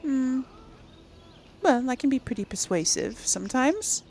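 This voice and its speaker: In an animated, high voice that's a little slow and a little mellow, a woman hosts a gaming video. She muses aloud through a casual game role-play, playfully voicing her own dialogue choices, with faint background noise on the recording.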